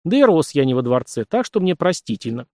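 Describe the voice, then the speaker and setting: A man voicing a quick-tempered, cheeky young man with sharp, teasing retorts. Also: a little high, big pitch swings, no echo, clean studio sound. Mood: cocky.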